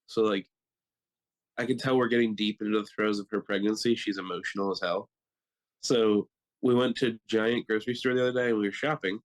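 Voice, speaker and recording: A man co-hosting a podcast who tells animated stories in casual chat, full of "like". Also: fairly low pitch, a little fast. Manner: animated storyteller, fills with "like". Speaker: podcast co-host.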